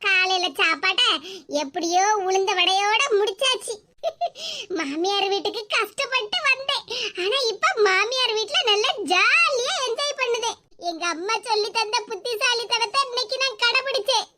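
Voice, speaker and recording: A woman's voice: very high-pitched, moderate pace. A woman voicing a clever, smug young wife in a cartoon, speaking. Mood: gleeful. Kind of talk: cartoon voice acting. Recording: loud background hiss.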